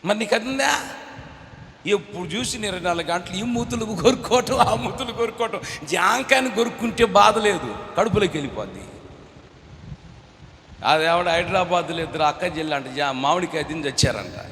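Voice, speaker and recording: A man preaching a sermon as pastor, urging the congregation to respond and rising into shouted exhortation. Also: sits high, expressive, normal speed, slight background noise. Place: large church hall. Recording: echoey hall from far off.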